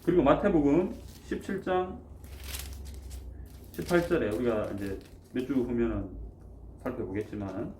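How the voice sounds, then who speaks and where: A man's voice: mid-range voice, dark tone, slight background noise. A man preaching a sermon as a pastor in a church. He asks the congregation rhetorical questions and breaks into sudden emphatic bursts. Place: church sanctuary. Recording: echoey church room.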